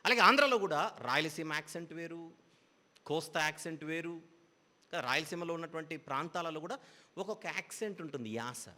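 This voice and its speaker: A man's voice: a little high, lively intonation, a little fast, sharp tone, big-room sound. A man preaching a Bible teaching sermon, explaining patiently with repeated parallel phrases.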